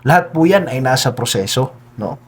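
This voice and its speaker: A man's voice: mid-range voice, lively intonation, normal speed, slightly rough. Man giving rambling political commentary. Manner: keeps addressing listeners, tags lines with "no?" and "di ba?"; polite, frequent respectful particles and hesitations. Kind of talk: solo online political commentary.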